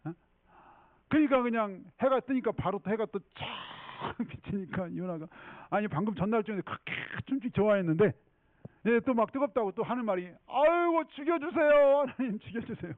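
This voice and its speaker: A man's voice: high-pitched, brisk, no room sound. A male pastor preaching a sermon in a chatty storytelling way, often checking in with the congregation. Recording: tinny phone-like dry sound.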